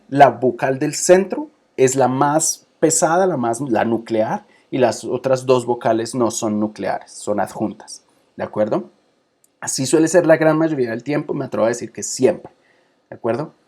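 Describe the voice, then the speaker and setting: A man with a dark-toned, mid-range voice explains a lesson to camera in an informal way. He uses many fillers and restarts and often checks that his listeners are following.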